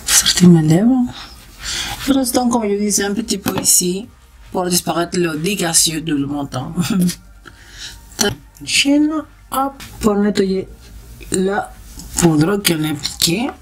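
A woman's voice: mid-range voice, measured pace, slight background noise. A woman with a Spanish accent, a beauty vlogger chatting playfully through a makeup tutorial with cheerful exclamations.

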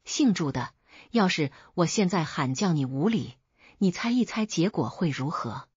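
A woman's voice: lowish voice, animated, moderate pace, a little mellow, slightly rough, no echo. A woman voicing a young wife in a storybook tale, speaking indignantly. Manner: indignant, then pleading. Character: young wife sold as concubine, defiant. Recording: dull lo-fi dry recording.

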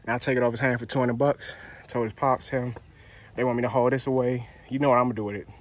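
A man's voice: mid-range voice, fairly even intonation, quick pace. A man running a junk removal business, talking loosely to camera outdoors at a house, with lots of fillers and slang. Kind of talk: casual vlog talk to camera.

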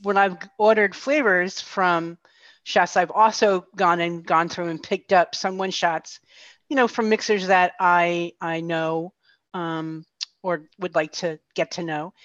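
A middle-aged woman talks casually over a video call, her lowish voice friendly and full of fillers. The headset audio sounds muffled and dry. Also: steady tone, unhurried, no echo. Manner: chatty, friendly, filler-heavy. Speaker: co-host. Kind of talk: casual chat. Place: home room.

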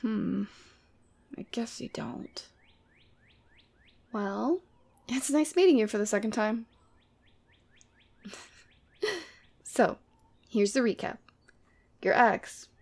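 This ASMR audio drama features a woman as a demon girlfriend, sweet yet teasing, casual and playfully exasperated. Her delivery is very creaky, with a slightly high pitch and a darkish tone.

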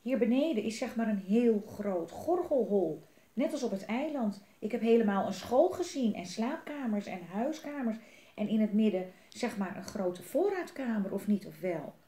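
A woman's voice: medium pitch, expressive, normal speed, mellow, reverberant, pitched above the performer's own voice, close to an everyday voice. A woman reading aloud, voicing a small, brave, boastful male gorgel creature who talks about himself by name. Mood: explaining.

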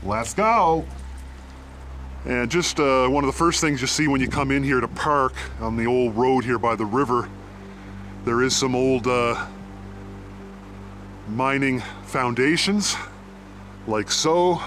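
Hosting a mine exploration video series, a Canadian man offers casual, laid-back, unscripted commentary while walking with the camera through a small mine tunnel and out into the woods. His medium-pitched voice is fairly bright and slow, with frequent pauses and faint music behind him.

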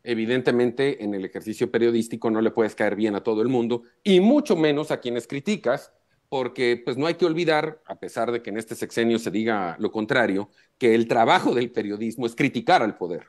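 A man, a journalist guest on a live talk show, giving measured and emphatic analysis. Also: medium pitch, lively intonation.

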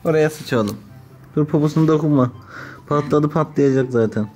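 A man chats casually in a home vlog, his voice pitched a little above the usual. He keeps a playful, laughing tone, teasing and scolding a puppy that won't stop biting him. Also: a little fast, darkish tone, faint music behind. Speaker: vlogger playing with his new puppy. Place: at home indoors.

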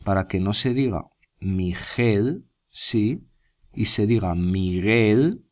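A man's voice: on the low side, unhurried. A man with a Spanish accent from Spain, teaching a grammar lesson step by step and stopping often to check that his students follow. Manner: explains step by step, checks in with students, writes while talking.

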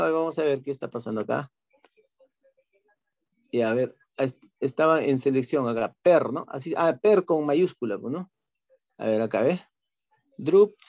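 A man teaching an online class, patiently walking through software steps, repeating himself and checking in with tag questions. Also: fairly high pitch, dry recording, studio quality.

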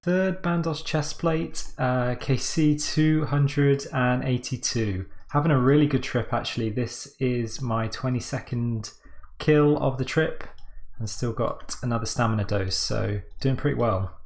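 An echoey, cave-like room surrounds this man's voice. He has a creaky, fry-edged tone at an ordinary male pitch. He talks through his gaming progress in a conversational, understated way, as a creator doing casual commentary. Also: unhurried, a little mellow. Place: sparsely furnished room at home.

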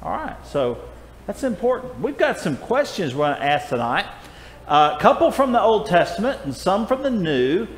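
A man's voice: sits high, very animated, moderate pace. Older man quizzing children in an echoey church. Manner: friendly, coaxing, asks children by name. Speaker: children's Bible class teacher. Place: church auditorium with pews. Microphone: far camera. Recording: echoey hall from afar with faint noise.

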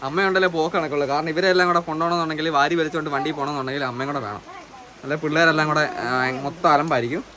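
A man's voice: a little high, steady tone, rapid-fire. A man, chatting to camera as a family vlogger at home during heavy rain. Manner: chatty, tells the family news with a laugh. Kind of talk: casual vlog chat to camera. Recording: outdoor mic with loud noise.

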